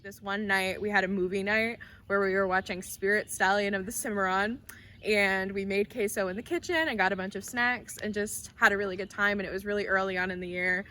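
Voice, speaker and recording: A woman's voice: mid-range voice, steady tone, fairly quick, bright, forceful tone. A young woman from Apex, North Carolina, a service corps member, reflecting in an upbeat, flowing way. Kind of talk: personal reflection to camera.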